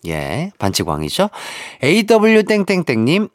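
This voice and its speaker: A man's voice: on the high side, huge pitch swings, moderate pace, a little hiss or hum. A man hosting a radio quiz, joking playfully as he reads out listener messages. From Jeolla, South Korea. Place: radio studio. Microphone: studio microphone.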